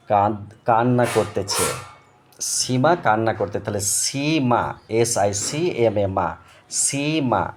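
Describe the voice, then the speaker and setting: A man tutoring young children in English grammar, patient, spelling words out letter by letter and repeating them slowly. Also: medium pitch, darkish tone, slight background noise.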